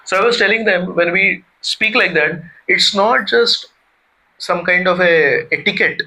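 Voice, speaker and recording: A man's voice: high-pitched, unhurried, bright, forceful tone, rough recording. A man giving a conversational devotional talk, often putting questions to his listeners. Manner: conversational, asks the audience questions. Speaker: spiritual teacher.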